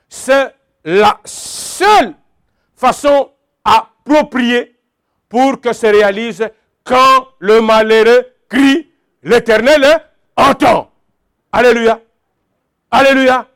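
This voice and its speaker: High-voiced emphatic male preacher. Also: a bit bright, dry recording, clean studio sound. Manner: emphatic, repeats phrases, calls out to the congregation. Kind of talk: sermon.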